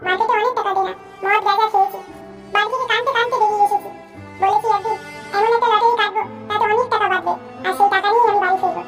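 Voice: extremely high pitch, steady tone, very fast, fairly bright tone, soft background music. A performer voicing a touchy, poor young drunkard man in a cartoon, indignant and pleading. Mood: earnest. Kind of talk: cartoon voice acting.

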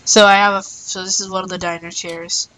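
A woman's voice: on the low side, flat delivery, a little fast, bright, forceful tone, slight background noise, rough recording. A woman chatting casually while playing a building game, playful and hesitant, with many ums. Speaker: Minecraft player. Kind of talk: casual gaming commentary.

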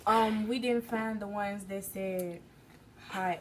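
A woman's voice: mid-range voice, steady tone, takes it slowly. A young woman chatting casually and matter-of-factly during an eating challenge at home. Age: young adult. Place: living room at home. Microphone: device at arm's length. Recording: clearly noisy home recording.

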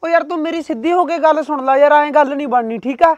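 A jealous, hot-headed young man, played by an actor who pushes and demands without letting up. His voice sits high and the words tumble out fast. Pushy and swearing, he is a short film figure. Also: dry recording, lo-fi sound. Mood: demanding. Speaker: son and temp worker.

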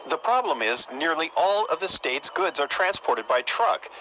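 A man's voice: a little high, sing-song, moderate pace, bright, forceful tone, a little hiss or hum, rough recording. An older man reporting for TV news outdoors with a handheld mic, emphatic reporter cadence. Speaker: TV field reporter. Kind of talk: news report narration and interviewing. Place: outdoors at a truck yard. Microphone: handheld microphone.

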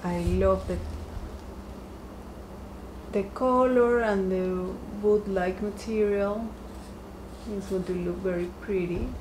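Seated near a window in her dining room, a woman who vlogs about home decor shows off her finds in a chatty, cheerful haul, softly dwelling on every piece. She speaks at medium pitch in a steady tone, slowly, with long pauses. The recording is poor and carries slight background noise.

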